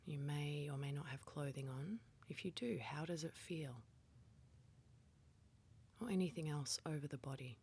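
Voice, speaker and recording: A woman with a low, soft, whispery and breathy voice leads a guided meditation, giving calm, gentle instructions with pauses.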